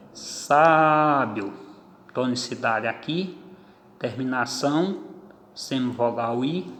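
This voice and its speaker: A man's voice: mid-range voice, slight background noise. A man teaching a grammar lesson, explaining step by step and counting out syllables one by one. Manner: slow, deliberate, spells out syllables. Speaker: Portuguese teacher. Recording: echoey room with long reverb.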